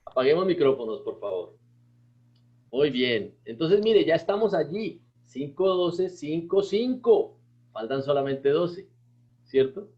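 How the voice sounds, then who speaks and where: A man's voice: on the high side, highs cut off. Encouraging man leading a Bible class. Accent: Colombian Spanish. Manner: encouraging, repeats praise, chants lists. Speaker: pastor and Bible teacher. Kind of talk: online class, leading group recitation.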